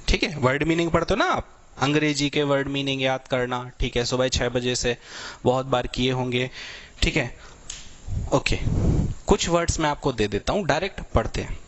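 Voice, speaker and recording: A young man teaching vocabulary to exam students, explaining step by step with everyday examples and a constant "okay" between points. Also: mid-range voice. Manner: explanatory, repeats "thik hai" constantly, tells everyday examples.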